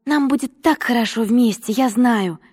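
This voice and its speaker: A woman's voice: a little high, normal speed, a little mellow, slightly rough. A woman voicing a cheerful, eager little girl who talks with bubbly, breathless enthusiasm. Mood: excited. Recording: long reverb.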